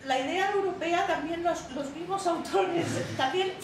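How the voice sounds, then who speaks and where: At a measured pace and very high pitch, a woman publisher whose first language isn't Catalan hesitates through a public interview, filling gaps and restarting often. She's in a bookshop event room, captured from a distance in a noisy, echoing hall.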